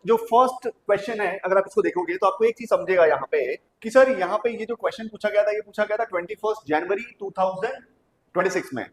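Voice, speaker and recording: High-voiced male physics teacher, echoey room. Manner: talks the class through steps with quick checks like "clear?". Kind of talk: exam problem-solving lesson. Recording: echoey room with faint noise.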